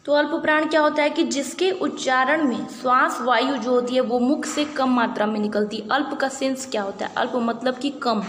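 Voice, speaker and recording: A woman teaches a grammar lesson for exam preparation, her voice set a touch high. She talks patiently, repeats the key points and keeps asking whether her listeners follow. The room is echoey, with a long reverb tail and faint noise underneath. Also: fairly bright tone.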